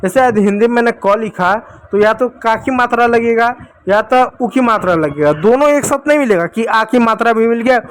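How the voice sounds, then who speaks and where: High-voiced man teaching a lesson. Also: normal speed. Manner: patient, repeats many example words, asks rhetorical questions. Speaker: English teacher. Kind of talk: classroom lesson explained to children.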